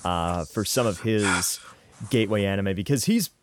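A man's voice: on the low side, expressive, moderate pace, background noise. A middle-aged man hosting a casual podcast, conversational and joking, feeling his way through his sentences. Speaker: podcast host.

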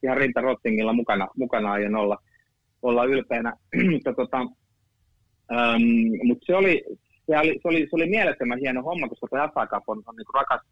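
A man's voice: medium pitch, no room sound. A man in his fifties telling stories as a guest in casual chat, rambling, repeating words and swearing casually. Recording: dull lo-fi sound.

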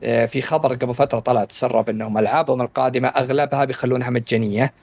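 A man's voice: mid-range voice, steady tone, rapid-fire, darkish tone, no room sound. A man co-hosting a casual gaming chat, blunt and opinionated. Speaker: gaming podcast co-host.

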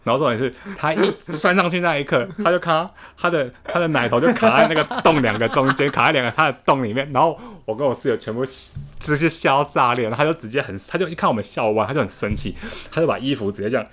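A young man with a Taiwanese Mandarin accent, telling funny stories in casual chat, animated and laughing, restarting his sentences often. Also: mid-range voice, fast talker, few pauses. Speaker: guest storyteller.

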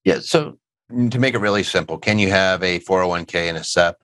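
A man's voice: low voice, fairly quick, a bit bright, no echo. A middle-aged man hosting a casual tax question show, answering listener questions and cracking dad jokes. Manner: joking, rambling, dad-humor asides.

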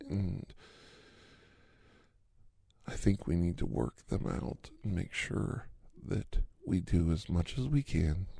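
A man doing an ASMR hand massage role-play, speaking softly and sultrily and often slipping into a whisper. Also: low-pitched, gravelly, breathy edge, dry recording. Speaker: ASMR creator.

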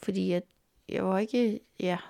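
Interviewee: young adult woman, very gravelly voice, dry close recording, earnest and hesitant. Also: medium pitch, steady tone, dark tone, no room sound. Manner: earnest, halting retelling. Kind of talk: personal life story interview. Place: indoors at grandparents' home.

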